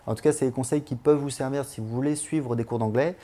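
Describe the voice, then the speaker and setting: A man's voice: medium pitch, steady tone, fast talker, dark tone. A man in his thirties giving casual advice on learning languages in a chatty way, with many fillers and restarts.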